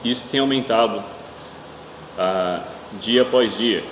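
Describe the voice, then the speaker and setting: A middle-aged Brazilian man preaching a church sermon haltingly, his speech slightly hampered by a toothache, often posing rhetorical questions. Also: fairly low pitch, a bit bright. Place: indoor church hall with noisy ambience. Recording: echoey reverberant hall, clear room hum.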